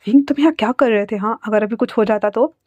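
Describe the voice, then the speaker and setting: A woman's voice: quick pace, no echo, close to an everyday voice. Woman doing a cool, teasing male cop. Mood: soothing. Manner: low, hushed and teasing. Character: cool, teasing young male police officer. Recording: dry, dull lo-fi sound.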